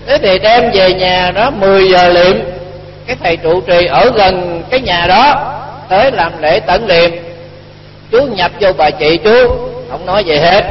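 A man's voice: sits high, a little slow, slight background noise. A man, a Buddhist monk giving a storytelling sermon and acting out the dialogue in his tale. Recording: dull lo-fi recording with long reverb.

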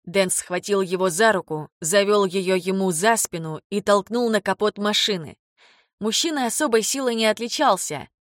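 A woman reading first-person audiobook narration in a steady, measured way. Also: mid-range voice, no echo, clean studio sound. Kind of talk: scripted narration.

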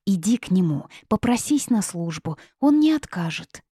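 A woman voicing a small, nervous female swamp spirit who talks in a hushed, squeaky way. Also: big pitch swings, moderate pace, husky, no room sound, studio quality. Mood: urging.

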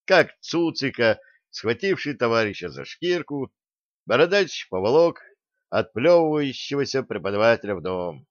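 A man narrating an audiobook in a steady storytelling manner, at a middling pitch. The recording is dry and somewhat dull. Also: moderate pace, no room sound.

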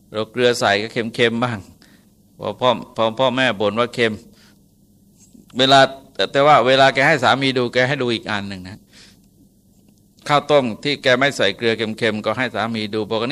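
Male monk, storytelling sermon, bright forward tone, easygoing and hesitant. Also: mid-range voice, smooth. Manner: relaxed, conversational, polite particles, frequent hesitations. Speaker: Buddhist monk.

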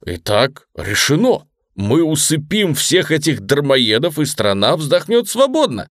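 A man puts on a fawning male timekeeper from a storybook, excitable and pleading. His voice bounces up high on exclamations and swings widely. The sound is dry and close, with no room around it. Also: brisk, creaky, no echo. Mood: excited. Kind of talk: audiobook character reading.

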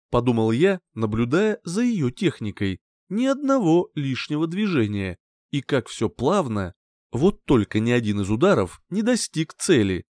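A man's voice: mid-range voice, darkish tone, dry recording, studio quality. A man narrating a story in first person with a wry, conversational manner. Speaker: audiobook narrator.

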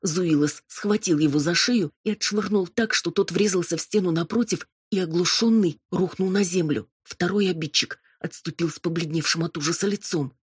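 Steady woman audiobook narrator, low and husky, dry recording. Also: moderate pace, hardly any pauses, no room sound. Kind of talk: scripted first-person narration.

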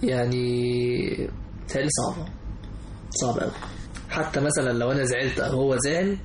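A young male guest with an Egyptian Arabic accent chats casually and emphatically, often repeating his phrases. He speaks briskly at medium pitch, and the recording has a roomy echo with faint background noise.

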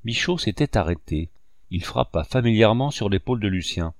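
Male audiobook narrator, expressive, dry close mic. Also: on the low side, fairly quick, dry recording. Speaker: audiobook reader.

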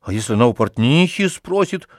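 A man reading aloud and voicing an anxious, impatient gentleman who keeps pressing with worried questions. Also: mid-range voice, sing-song, a little fast, dry recording, clean studio sound, lightly acted. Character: anxious, fretful gentleman suitor.

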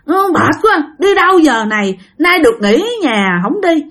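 A woman's voice: high-pitched, sing-song, normal speed, a bit bright, pitched above the performer's own voice, heavily acted. A woman voicing a sulky, defiant teenage girl who refuses, with a Southern Vietnamese accent.

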